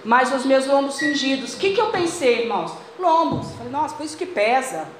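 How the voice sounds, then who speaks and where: A woman with a Brazilian Portuguese accent preaches fervently to her congregation, calling them brothers, in a high-pitched voice with lively intonation and a fairly quick pace. The recording is from a very echoey church hall and carries faint noise.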